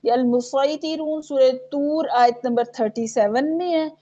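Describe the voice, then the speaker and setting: Patient lady teaching quran recitation online, kinda high but soft voice, muffled computer audio. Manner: patient, recites verses slowly, checks in often with "theek hai". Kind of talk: online class lecture, reciting and explaining.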